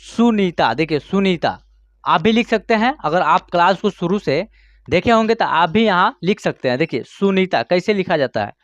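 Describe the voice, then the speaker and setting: A man's voice: sits high, animated, fairly bright tone, no room sound, dull audio. A man teaching Hindi reading in an online class, sounding out each word syllable by syllable and drawing words out as he checks that students follow. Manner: slow, drawn-out word-by-word pronunciation with frequent check-ins.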